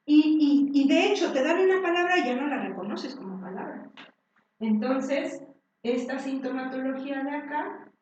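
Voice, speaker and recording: A woman giving a university lecture, speaking slowly and deliberately with many fillers and restarts. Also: sits high, expressive, a little mellow, a little hiss or hum. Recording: very echoey room, distant and dull.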